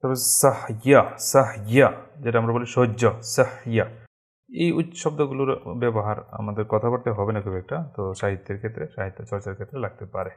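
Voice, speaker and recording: Man, lower pitch, language tutor, slow careful word-by-word repetition, casual fillers. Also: darkish tone. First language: Bengali. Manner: slow and repetitive, repeating each word for pronunciation. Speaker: language teacher.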